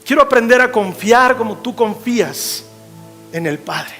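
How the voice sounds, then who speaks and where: High-voiced pastor preaching. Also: male voice, measured pace, soft background music. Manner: expressive preaching, swinging from loud to hushed. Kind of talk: sermon.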